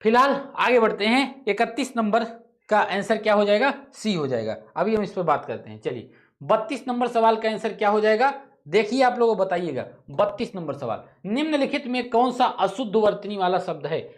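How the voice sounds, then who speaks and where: A man's voice: high voice, expressive, normal speed. A male teacher leading an online test-solving class, repeating each question, thinking aloud, correcting himself and tossing casual asides to students. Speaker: exam-prep teacher.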